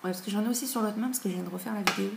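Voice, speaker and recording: A woman's voice: mid-range voice, very fast, gravelly. A woman in her thirties giving a casual, chatty review of beauty products, with plenty of fillers. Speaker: beauty vlogger. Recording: echoey room with faint noise.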